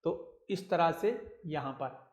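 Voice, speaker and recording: A man's voice: fairly high pitch, animated, takes it slowly, darkish tone, roomy sound. A man teaching Urdu script, patiently spelling words out letter by letter. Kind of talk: slow spelling lesson.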